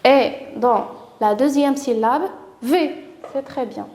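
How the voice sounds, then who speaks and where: Moroccan-accented woman, primary teacher, high voice, slow careful delivery, sounds out syllables, echoey room. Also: a little mellow. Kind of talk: recorded classroom lesson for young children.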